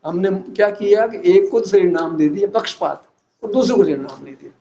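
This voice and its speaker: A man's voice: sits high, a little fast, creaky, mellow, lo-fi sound. A man giving a religious philosophical discourse, teasing his listeners with rhetorical questions and chuckling at his own points. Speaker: religious teacher.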